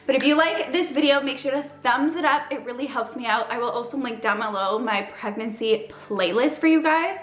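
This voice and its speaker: A woman's voice: sits high, fairly quick, few pauses, roomy sound. A young woman vlogging at home in a chatty, bubbly way, a little out of breath. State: slightly out of breath. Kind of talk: casual vlog talk to camera. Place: family house indoors.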